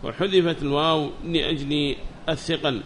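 A man's voice: a little high, fairly even intonation, moderate pace, fairly bright tone, slight background noise. A man teaching a lesson on classical Arabic grammar. He reads a text aloud, explains it, and asks his students questions as he goes.

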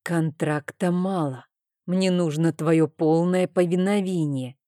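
A smug young nobleman with a slow, lazy drawl, read by a woman in a low, mellow voice. The sound is dry and close, with no room around it. He takes his time over every word, sure of himself. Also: fairly even intonation, no room sound. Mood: cold.

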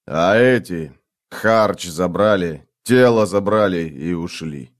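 A man's voice: sits low, takes it slowly, pitched below the performer's own voice. A man voicing a whining, defensive big lout. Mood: defensive mumbling.

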